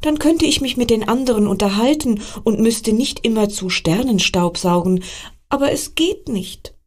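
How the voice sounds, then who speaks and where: A woman's voice: fairly high pitch, normal speed, voice pushed up, natural voice. A woman voicing a tired, overworked mother star in a storybook tale, sighing as she speaks. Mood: weary. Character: weary busy mother star.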